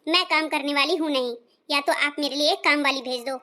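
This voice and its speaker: A woman's voice: high voice, fairly quick, pushed and bright. A woman playing a spoiled, bossy young daughter-in-law in a comedy skit, scornful and threatening.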